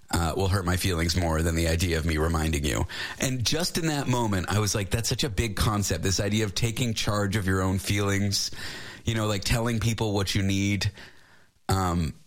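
This is a man in his forties with a slightly low voice who speaks openly and reflectively. He chats in an easy, casual way and weighs his thoughts as he talks. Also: moderate pace. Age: 40s. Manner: candid, reflective and chatty. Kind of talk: casual chat.

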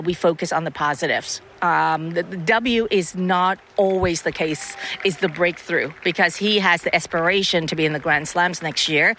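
A woman's voice: on the low side, a bit bright. A middle-aged woman who grew up in Hong Kong, a tennis coach and parent, answering interview questions with many restarts and fillers.

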